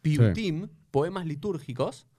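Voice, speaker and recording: A man with an Argentine Spanish accent, a rabbi talking in a casual conversation, explaining with animated restarts. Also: fairly high pitch, slow pace, dry recording, clean studio sound.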